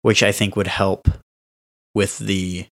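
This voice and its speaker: A man's voice: low voice, level tone, takes it slowly, vocal fry, fairly bright tone. A young man co-hosting a casual podcast at home, rambling with lots of "like" and restarts. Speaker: podcast co-host. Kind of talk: casual chat.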